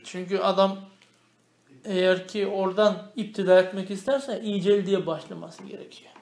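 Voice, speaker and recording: A man teaching a traditional grammar lesson. He reads Arabic phrases slowly, explains them, and keeps asking the student questions. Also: sits high, steady tone, creaky, a little mellow, roomy sound, a little hiss or hum. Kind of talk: traditional religious lesson, explaining a text line by line.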